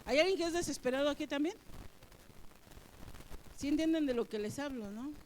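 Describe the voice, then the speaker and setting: A woman's voice: high-pitched, fairly quick, slight background noise, low-quality recording. A woman pastor preaching a sermon, telling stories and asking her congregation questions. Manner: storytelling with lively acted-out dialogue and questions to the congregation. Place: church.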